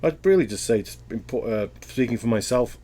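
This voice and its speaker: A Welsh man with an animated, mellow, mid-range voice answers interview questions fairly quickly. His replies are casual and thoughtful, often rambling, and he frequently restarts his sentences.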